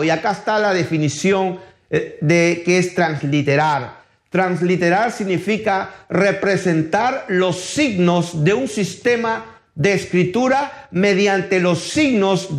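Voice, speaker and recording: High-voiced preacher with slow deliberate delivery. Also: male voice. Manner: emphatic, rhetorical questions to the congregation. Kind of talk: sermon.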